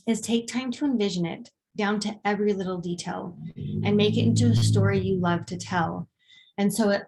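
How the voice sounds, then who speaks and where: Woman workshop presenter, casual and conversational, mid-range voice, steady delivery with ums. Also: mid-range voice. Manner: conversational, with frequent ums and acted examples.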